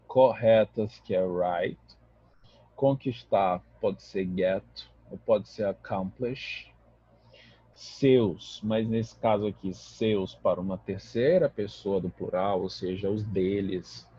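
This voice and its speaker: Brazilian man, native Portuguese, English teacher, explanatory and patient, husky, lo-fi dry recording. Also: on the low side, dark tone, no echo. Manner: explanatory, repeats and checks with "né?" and "tá?". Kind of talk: classroom grammar lesson.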